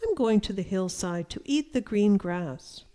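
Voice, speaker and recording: A woman's voice: mid-range voice, expressive, measured pace, dark tone, close to an everyday voice. A woman voicing the middle billy goat, a young male goat pleading with the troll in a storybook reading.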